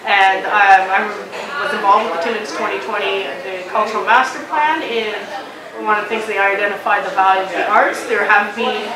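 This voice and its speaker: A woman's voice: mid-range voice, roomy sound, distant mic, low-quality recording. Canadian woman explaining her plans over crowd noise. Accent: Canadian English. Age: 30s. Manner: measured, explanatory, pauses to search for words. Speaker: council candidate. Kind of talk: campaign interview statement.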